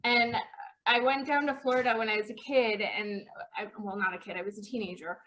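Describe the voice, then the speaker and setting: A woman in her forties chats casually as co-host. Her voice is high and bright. She tells self-deprecating stories and giggles through them. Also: steady tone, fairly quick, a little hiss or hum, rough recording. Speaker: podcast co-host. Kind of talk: casual chat.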